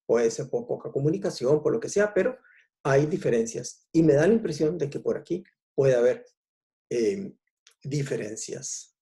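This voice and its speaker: A man with a Costa Rican Spanish accent giving a lecture at an easy, explanatory pace, often pausing on a drawn-out "eh". His voice is gravelly and dark, with a slightly raised pitch for a man. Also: animated. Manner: unhurried, explanatory, frequent "eh" pauses. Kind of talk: public talk on language history.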